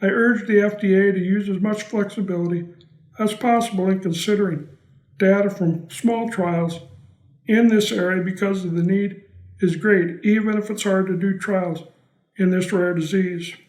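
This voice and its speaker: A man delivers a prepared personal testimony as a patient. His voice is notably high for a man. The sound is clearly roomy and echoing. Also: fairly even intonation, normal speed, a little mellow.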